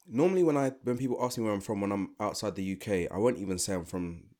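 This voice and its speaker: Fast-talking and fairly low-pitched with a dark tone, this young Londoner speaks in casual podcast chat. He's thoughtful but rambling, full of asides and restarted sentences.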